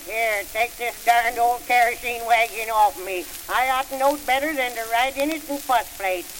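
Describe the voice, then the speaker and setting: A man's voice: extremely high pitch, normal speed. A man playing a folksy, nervous old uncle with a rural American drawl, in the style of an early 1900s comic sketch. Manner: rustic drawl, homespun exclamations. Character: folksy old country uncle, nervous, wide-eyed, chuckling. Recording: very noisy, crackling antique record.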